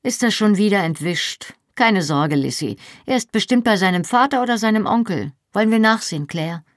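A reader voicing a wry, teasing pregnant young woman in an audiobook, her lines pitched a little higher than the narration. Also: lively intonation, moderate pace, no room sound, studio quality, natural voice.

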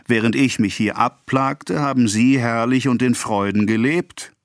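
A man's voice: lowish voice, animated, normal speed, no room sound, studio quality, voice pushed up. A man reading the part of a scheming, mocking merchant who pressures a debtor. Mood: sneering. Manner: sneering, mocking. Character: scheming mocking male merchant, cold and sneering.

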